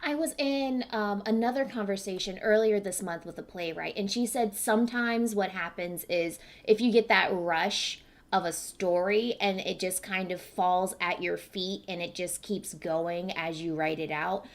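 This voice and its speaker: A young woman with a medium-pitched voice hosts a casual interview. She is informal and encouraging, speaking into a computer mic on a video call. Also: a little slow, hardly any pauses. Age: young adult. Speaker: interviewer, host. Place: indoors before a cloth backdrop.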